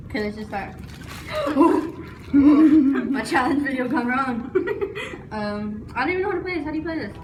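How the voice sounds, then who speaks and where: A young woman chatting casually and excitably, giggling often as she hosts a challenge video. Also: high voice, normal speed, pauses often, recorded from a distance. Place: room upstairs in a school. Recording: echoey room, loud background noise.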